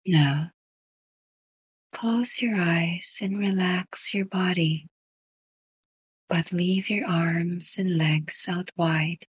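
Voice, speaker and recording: A woman guiding a sleep meditation in a soft, breathy whisper. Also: lowish voice, steady tone, dry recording. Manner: slow, soft whispered delivery. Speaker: meditation guide.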